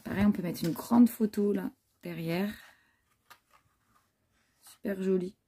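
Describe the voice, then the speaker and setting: A woman's voice: mid-range voice, fairly even intonation, slow pace, warm tone, breathy edge. A woman vlogger chatting casually as she shows off a handmade scrapbook album, full of admiring asides and fillers. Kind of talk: casual show-and-tell chat.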